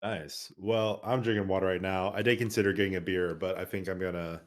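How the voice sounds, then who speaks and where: A man's voice: low voice, steady tone, a little fast. A young man co-hosting a casual podcast, teasing and joking with profane banter. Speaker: podcast co-host. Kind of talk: casual chat.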